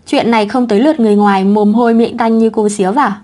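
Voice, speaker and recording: Cold curt tall husband in a storybook, read by a woman, fairly high voice. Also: steady tone, very fast, mellow, lightly acted.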